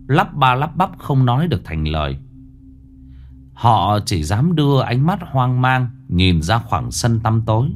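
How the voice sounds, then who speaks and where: A man narrating a ghost story in a slow, dramatic way, dropping to a hush at eerie moments. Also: medium pitch. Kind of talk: scripted horror story narration. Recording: narration over faint music.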